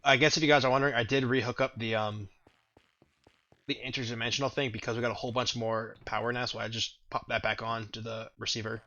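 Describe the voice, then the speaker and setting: A man's voice: medium pitch, flat delivery, quick pace, pushed and bright, muffled recording. A man casually commenting on his own gameplay, thinking aloud and rambling, with a groggy morning voice. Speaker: gaming video host. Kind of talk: casual let's-play commentary.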